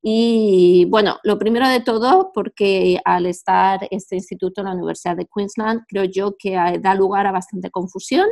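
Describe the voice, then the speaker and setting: A woman's voice: medium pitch, steady tone, normal speed, creaky, few pauses, a little mellow. A woman from Spain hosting a radio interview, a teacher herself, speaking thoughtfully with many hesitations.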